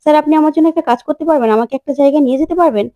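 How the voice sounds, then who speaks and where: A woman voicing a gentle, caring young woman who pleads softly and earnestly. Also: sits high, rapid-fire, no echo, dull audio, pitched above the performer's own voice, natural voice. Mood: pleading. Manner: soft, quiet, earnest pleading.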